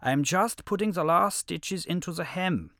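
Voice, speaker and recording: A man's voice: sits high, unhurried, a bit bright, no room sound, studio quality, voice pushed up. A man voicing a sly, greedy male wolf who tricks a lion in a storybook tale. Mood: wheedling.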